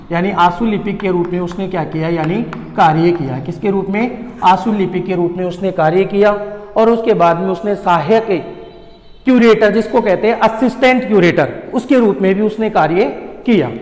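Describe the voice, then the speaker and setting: Male teacher, high voice, poetry lesson, asks and answers his own questions, long hall echo. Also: a little mellow. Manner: asks questions and answers them himself, repeats key terms.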